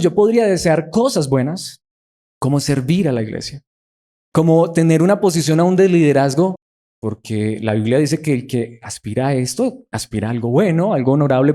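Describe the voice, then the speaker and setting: Earnest preacher man, mellow voice. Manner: earnest, many rhetorical questions, drops to a soft low voice for emphasis. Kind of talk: sermon.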